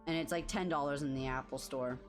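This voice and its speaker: A woman's voice: low-pitched, brisk, soft background music. A young woman streaming as she draws, chatting casually and rambling with lots of fillers. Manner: rambling, filler-heavy talk, reacts to chat. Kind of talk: casual live-stream chat while drawing.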